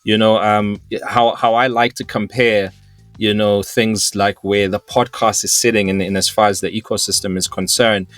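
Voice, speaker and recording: Host, male, low voice, rambling questions, dry close sound, faint music. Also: level tone, normal speed, a bit bright, dry recording. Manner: rambling, many restarts. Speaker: podcast host. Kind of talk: casual interview talk.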